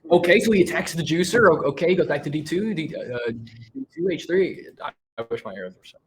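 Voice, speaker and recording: A man's voice: on the high side, very animated, a little fast, a little hiss or hum, low-quality recording. A man commentating a chess game live, thinking aloud and often restarting his sentences.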